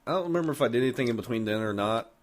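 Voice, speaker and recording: Rapid-fire and lively in intonation, this mid-range male voice belongs to a podcast host spinning a long, casual story. He jokes around loosely and swears plenty.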